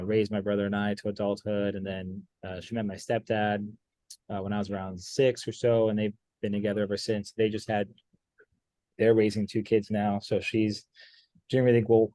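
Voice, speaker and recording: Speaking in a lowish voice on poor audio with no room sound, this young Miami-born pool player chats loosely as an interview guest. He's laid-back, and his talk wanders, full of filler words.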